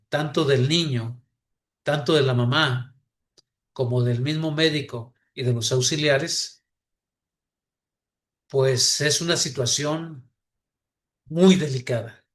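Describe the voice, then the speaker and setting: A man with a Mexican Spanish accent, a veterinary lecturer telling students a case story in a halting way, often repeating words and using fillers. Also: a little high, fairly bright tone.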